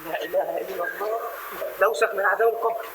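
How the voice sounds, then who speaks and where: An actor with an Egyptian accent playing an excitable, dim-witted young male thief sidekick in a comic stage play. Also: sits high, fast talker, very echoey, crowd noise, close to an everyday voice. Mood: whiny. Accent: Egyptian Arabic.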